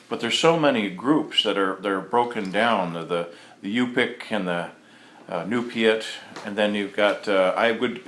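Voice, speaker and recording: A male interviewer asking curious, halting questions with frequent fillers. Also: fairly low pitch, fairly bright tone. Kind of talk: casual interview. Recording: echoey room with faint ambience.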